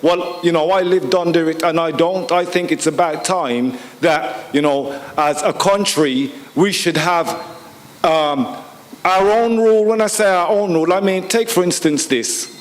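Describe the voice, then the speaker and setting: A man born in the UK, speaking forcefully as an audience member at a public hearing and driving his points home with rhetorical questions. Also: a little high, a little slow, in a large hall. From United Kingdom. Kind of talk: impassioned public comment.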